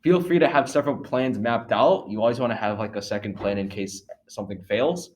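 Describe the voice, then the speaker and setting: A man's voice: fairly low pitch, fairly quick, slight background noise. A teenage boy reading a scripted class presentation casually, with fillers and offhand asides. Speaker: student presenter.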